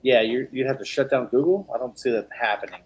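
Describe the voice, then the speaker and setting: A man chatting casually on a podcast as a business owner, relaxed, acting out sales calls in quick asides. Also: medium pitch, highs cut off, a little hiss or hum.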